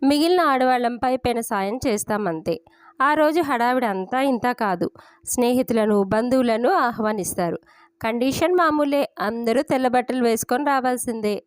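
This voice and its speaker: A woman narrating a family story in the first person, with steady, unhurried storytelling. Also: a little high, clear, resonant tone, no echo, clean studio sound.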